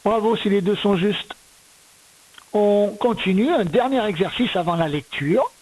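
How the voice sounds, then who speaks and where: In this poorly recorded reading and spelling lesson, a woman with a mid-range, slightly mellow and husky voice works with a young child. The primary school teacher goes step by step, dictating words slowly and patiently one syllable at a time.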